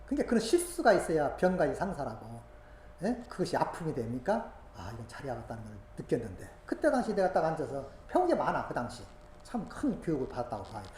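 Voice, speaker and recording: A woman preaches and tells her own story, dropping to quiet asides and then rising to fervent exclamations. Her pitch leaps and swoops. The sound is roomy and echoing, with a faint hiss behind her. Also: sing-song, quick pace. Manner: emotional storytelling that swings from hushed asides to loud exclamations. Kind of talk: sermon with personal testimony. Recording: roomy echo, faint background noise.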